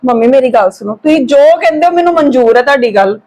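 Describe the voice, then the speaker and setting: A dutiful young daughter-in-law recovering from surgery, in a family drama, played by a woman. She pleads softly and stays deferential, in a slightly high voice. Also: animated, quick pace. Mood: pleading. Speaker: creator and actor.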